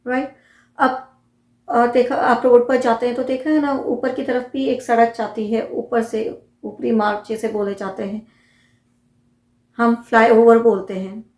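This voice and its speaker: An English vocabulary teacher with an Indian accent explains English words in casual Hindi, repeating each term and asking the listener questions. Her voice is fairly high and a little mellow, in an echoey room.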